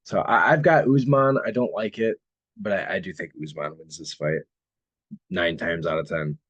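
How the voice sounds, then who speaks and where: A man's voice: sits low, moderate pace, husky, no room sound, dull audio. A man co-hosting a sports betting podcast, talking casually and steering the conversation from fight to fight. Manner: relaxed, conversational, steers the show. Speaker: podcast co-host.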